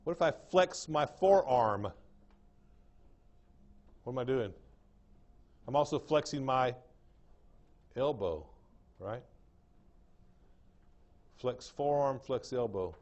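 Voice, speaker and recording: A man's voice: medium pitch, expressive, slow pace, long pauses, a little mellow. A man with an East Texas drawl teaching an anatomy class, repeating key terms and checking that the class follows. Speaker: anatomy lecturer. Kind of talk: classroom lecture. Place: lecture room.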